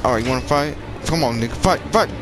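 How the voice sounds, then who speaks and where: A man giving casual gameplay commentary as a streamer, agitated and frustrated, swearing and rapidly repeating short phrases. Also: mid-range voice, fairly even intonation, over loud music. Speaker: gamer streamer.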